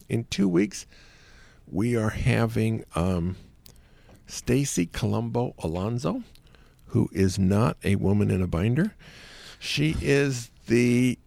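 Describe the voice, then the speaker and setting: Low gravelly guy hosting a radio show, kinda rambly, dry studio. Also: a little mellow, no echo. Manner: rambling, with many fillers. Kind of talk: casual radio chat.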